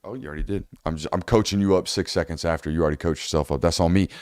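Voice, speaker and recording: A man's voice: sits low, fairly even intonation, very fast, a little mellow, clean tone, dry recording, studio quality. A man hosting a casual college football show, talking loosely and correcting himself as he goes. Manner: loose, rambling, self-correcting. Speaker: host. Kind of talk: casual sports podcast chat.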